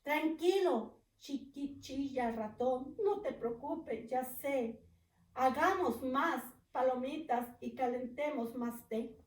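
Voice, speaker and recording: A small timid storybook mouse with a squeaky, raised voice, as a woman reading aloud puts it on. It is recorded in an echoey room with the mic set well back from her. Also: slow pace, distant mic. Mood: soothing.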